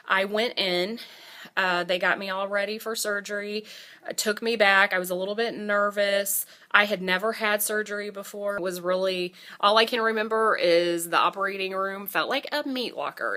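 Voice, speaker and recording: A woman talks casually and candidly, as if updating followers on her own life. Her voice is bright and clear-cut in tone, sitting at an average pitch. She is conversational, dropping in dry little asides as she goes. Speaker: vlogger giving a surgery recovery update. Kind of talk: casual personal storytelling to camera.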